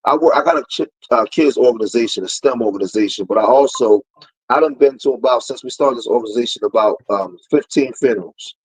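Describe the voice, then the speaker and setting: Calling into a livestream from his phone, a guest in his forties talks casually about street life and lectures, getting more heated and louder as he preaches. He talks fast in a husky mid-range voice over a rough recording.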